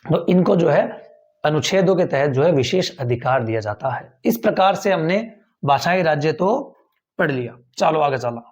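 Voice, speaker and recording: A man teaches a tenth-grade civics class, repeating key points and quizzing students with rhetorical questions to check they follow. His voice is fairly high with lively intonation, a moderate pace and a slightly mellow quality.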